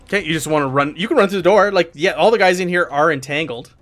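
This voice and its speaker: A man narrating a tabletop game as its game master. His talk is loose and relaxed, full of "like" and "um". His voice sits slightly high. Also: quick pace. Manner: relaxed, filler-heavy, laughs often.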